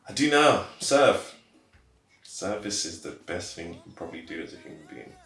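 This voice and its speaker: A young man in his twenties answering interview questions casually, animated and quick to laugh. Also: deep voice. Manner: animated, laughs easily, acts out quotes. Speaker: interview guest. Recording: roomy echo, faint background music.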